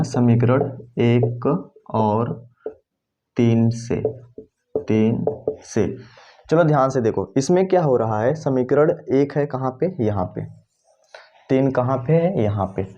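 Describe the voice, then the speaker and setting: A male math teacher walks through a geometry proof step by step. He asks his own questions and answers them, with a "है ना" after nearly every line. His voice is dark and mellow, and the recording sounds dull and lo-fi. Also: mid-range voice. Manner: talks while writing, with constant "है ना" checks. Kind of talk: board-work math lesson.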